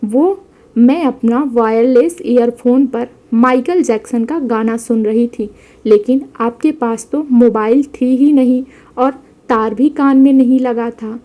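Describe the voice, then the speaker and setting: A woman's voice: on the high side, unhurried, warm tone, lightly acted. A woman voicing a chatty, modern sister-in-law who speaks in a bubbly way.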